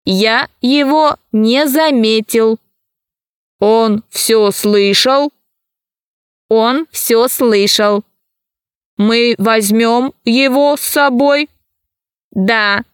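A woman doing a slow, toneless robot voice. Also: on the high side, clean tone, no room sound, studio quality. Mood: flat. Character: emotionless male robot, slow flat speech. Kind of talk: storybook reading.

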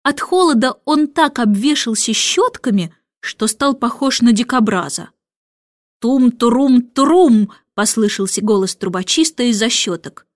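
A woman reading a storybook audiobook, expressive and lively, her voice sitting a little high. The recording is dry and close with no room sound. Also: dry recording. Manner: expressive, lively read-aloud. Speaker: narrator.

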